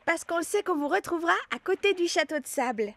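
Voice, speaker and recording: A woman voicing a cheerful, eager little girl rabbit in a storybook cartoon, with a bright childlike chirp. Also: very high-pitched, animated, fairly quick, pitched above the performer's own voice. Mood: chirpy.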